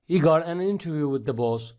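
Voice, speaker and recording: A man's voice: a little high, expressive, brisk, a little mellow. A man narrating a scripted story as the narrator of an online video.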